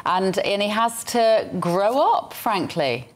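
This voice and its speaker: A woman hosts a studio news discussion. She speaks briskly and forthrightly, offering firm opinions and keeping the segment moving. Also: medium pitch, big pitch swings. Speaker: news presenter.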